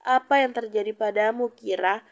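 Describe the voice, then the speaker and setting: A woman reading a story aloud, voicing a heartbroken, earnest young man in a quiet, subdued way. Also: on the high side, moderate pace, gravelly, slight background noise. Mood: hurt.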